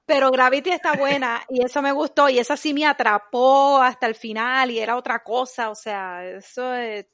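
A woman, a podcast guest chatting in an animated way and laughing easily. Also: high-pitched, normal speed, hardly any pauses. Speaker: podcast guest, actress and comedian. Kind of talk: casual podcast chat.

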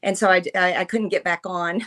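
A woman in her fifties, a military veteran guest on a podcast, telling personal stories in an earnest, emotional, halting way. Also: lowish voice, steady tone, fairly bright tone. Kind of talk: personal storytelling in conversation.

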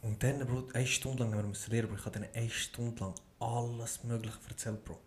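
A man's voice: medium pitch, little pitch movement, a little fast, a crowd in the background. A young man with a Swiss German accent chatting casually on a podcast, full of slang and boasting. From Switzerland. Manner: slangy, says bro constantly, boastful. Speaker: podcast co-host. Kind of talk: casual chat.

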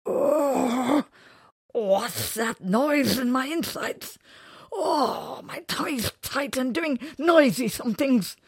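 A woman voicing a big, gentle male creature with a beak who talks in odd, muddled grammar, loud and drawn-out. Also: sits low, big pitch swings, vocal fry, husky, dry recording, clean studio sound, exaggerated voice. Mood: worried.

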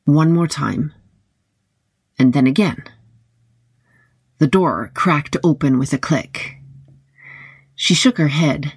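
Audiobook narrator, gravelly, close and dry, wry gritty delivery. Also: medium pitch, slow, pauses often, no echo. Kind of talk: scripted narration of a paranormal detective novel.

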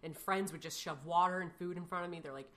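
A woman's voice: lowish voice, fast talker, fairly bright tone. A woman in her thirties telling an emotional personal story as an interview guest, rambling with many fillers and restarts.

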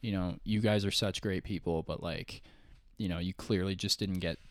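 A man's voice: deep voice, steady tone, normal speed, dry recording. A man in his early twenties co-hosting a podcast, chatting casually and rambling with lots of "like" and restarts. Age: early 20s. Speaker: podcast co-host. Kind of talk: casual chat.

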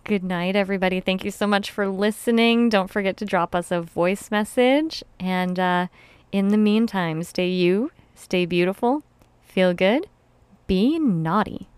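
Woman podcast host, smooth clear voice, dry close sound, lively, laughs a lot. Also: mid-range voice, moderate pace, dry recording. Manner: lively, laughs easily, explains step by step. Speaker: podcast host and rope bondage instructor. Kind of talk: casual podcast chat.

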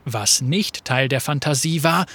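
A man narrating a story in a lively, expressive scripted reading. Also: mid-range voice, measured pace, breathy edge. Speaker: audiobook narrator.

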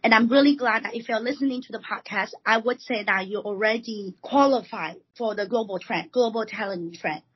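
A woman from Taiwan, a recruiting consultant speaking as a podcast guest, explaining at a measured pace with many fillers. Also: on the high side, slightly rough. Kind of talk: podcast interview. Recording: dull lo-fi podcast audio.

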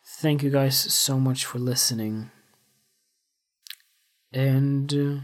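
This solo podcast episode features a Swedish man in his twenties, speaking slowly in a mid-range voice with fairly even intonation. He's casual and introspective, wandering through his thoughts and filling them with fillers.

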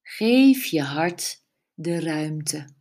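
A woman leading a guided relaxation meditation, giving soft, soothing instructions with long pauses. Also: low voice, lively intonation.

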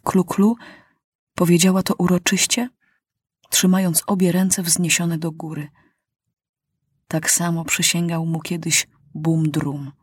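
A woman narrating an audiobook of a children's novel in a calm, measured way. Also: fairly low pitch, breathy edge, dry recording, studio quality.

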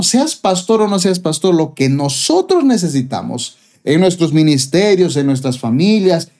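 A man's voice: sits high, mellow. A man preaching a personal testimony, telling a story with frequent chuckles to his congregation. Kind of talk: testimony sermon.

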